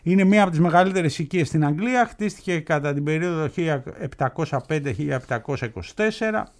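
A man co-hosting a radio show in casual banter, telling a news story slowly, with drawn-out words and dramatic pauses. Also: a little high, expressive.

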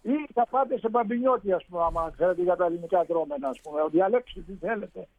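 A man's voice: sits high, no room sound, phone-quality sound. A man explaining Greek pronunciation on a radio show, hesitant, with many fillers and restarts. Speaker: radio show guest speaker on Greek language.

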